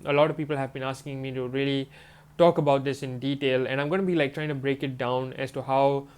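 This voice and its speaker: This manifestation coach has a cold that leaves his voice stuffy, his nose blocked and throat swollen. Chatting to camera in a casual way, he wanders off topic and fills gaps with "you know" and "um." His voice is mid-range and smooth.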